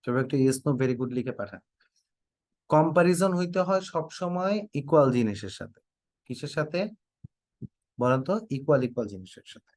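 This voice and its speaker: A man's voice: medium pitch, expressive, normal speed, long pauses, a little mellow, no echo, clean studio sound. A man from Bangladesh who teaches English, giving an online class lecture, quizzing his students and often repeating prompts for them to type in their answers. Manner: joking mock threats.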